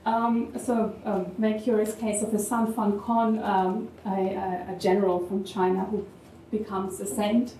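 A woman with a German accent giving measured, thoughtful academic remarks as a panel discussant, with a touch of wry humor. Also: medium pitch, little pitch movement, mellow, a little hiss or hum. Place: university event hall. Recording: echoey room, distant mic, faint ambience.

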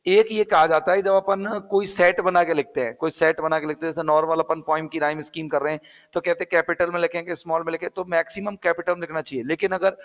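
A man's voice: fairly high pitch, little pitch movement, fast talker, big-room sound. A male English teacher from Rajasthan with a Rajasthani Hindi accent, teaching a live exam-prep class step by step, repeating key words and asking and answering his own questions.

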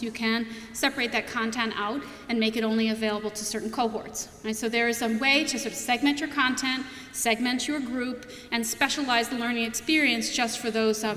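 A young adult woman with a fairly high, slightly bright voice delivers a conference keynote on product features from a podium on a large auditorium stage, speaking conversationally with many fillers and restarts. Picked up by the podium mic from a far camera, the audio has long, echoey reverb and a little hiss or hum.

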